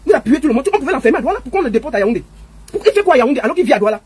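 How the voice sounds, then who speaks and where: A woman's voice: high voice, big pitch swings, rapid-fire, crowd noise. A woman with a Cameroonian French accent giving an indignant, scolding commentary, tumbling over repeated words. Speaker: online commentator. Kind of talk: ranting commentary vlog.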